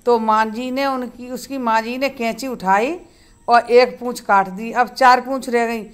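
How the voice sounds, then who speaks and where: A woman telling a children's story slowly and simply, stopping to ask the kids to count. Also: on the high side, fairly even intonation.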